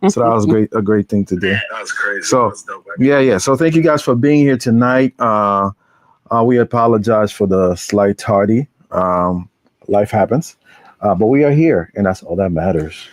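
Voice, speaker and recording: A man's voice: lowish voice, moderate pace. A man co-hosting a live podcast with his wife, chatting casually and teasing playfully. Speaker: podcast co-host. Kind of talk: casual chat on a live show. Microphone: studio microphone.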